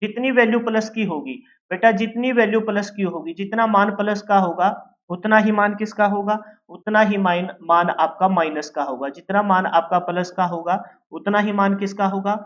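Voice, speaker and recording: A man's voice: high voice, normal speed, few pauses, fairly bright tone, muffled recording. A male teacher giving a lecture, who asks questions and answers them himself and calls his students "beta". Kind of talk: classroom lecture.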